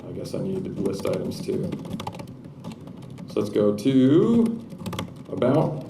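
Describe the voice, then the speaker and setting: A man's voice: fairly low pitch, very animated, slow pace, vocal fry, echoey room, recorded from a distance, noisy background. A man giving a live-coding tech talk at a conference, chatting through his code with joking, self-deprecating asides. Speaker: conference speaker. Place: conference room with audience.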